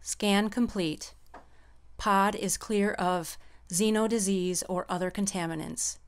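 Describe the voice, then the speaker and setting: A woman plays a space station computer, calm and efficient, with a smooth, resonant voice. She reads status reports in a cool, even announcer tone that stays soft and a little removed from the mic. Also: mid-range voice, slow pace, close to an everyday voice. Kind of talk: sci-fi comedy sketch.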